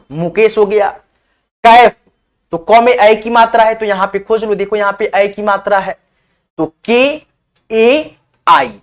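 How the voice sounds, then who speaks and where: A man gives a step-by-step spelling lesson in a patient, steady voice. He repeats each word several times. He keeps reassuring his viewers as he goes. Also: sits high. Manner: patient, repeats words, addresses viewers as friends. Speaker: teacher.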